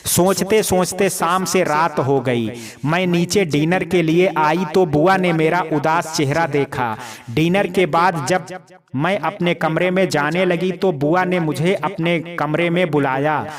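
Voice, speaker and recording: Man narrating a story, calm storytelling, very slow pace, fairly high voice, crowd murmur behind. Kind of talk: scripted first-person story narration.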